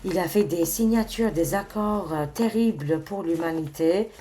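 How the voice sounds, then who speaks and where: Low-voiced chatty woman tarot reader. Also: normal speed, dark tone. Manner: chatty, with many fillers and exclamations. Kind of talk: casual spiritual card reading to viewers.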